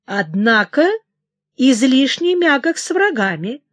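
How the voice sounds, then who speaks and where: A woman voicing a cold, scheming older queen mother who speaks calmly and calculatingly. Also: high voice, takes it slowly, dry recording, pitched above the performer's own voice, exaggerated voice. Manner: calm, smooth, quietly calculating.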